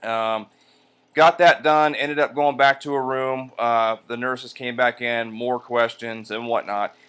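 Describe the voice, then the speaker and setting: A man talking casually in a personal vlog, halting with drawn-out hesitations, sore and medicated as he rests after surgery. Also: mid-range voice, steady tone, a bit bright, clean tone. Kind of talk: casual personal vlog, recounting his experience. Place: indoors at home on a couch by a window.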